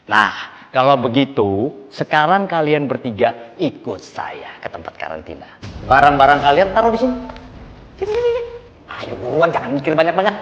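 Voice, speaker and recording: An actor playing a slick male trafficker who poses as a job agent, bossy and hurried, always urging people on. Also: medium pitch, huge pitch swings, fairly bright tone, in a large hall, highs cut off, a little hiss or hum. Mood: impatient. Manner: bossy, hurried, sneering, keeps urging "ayo".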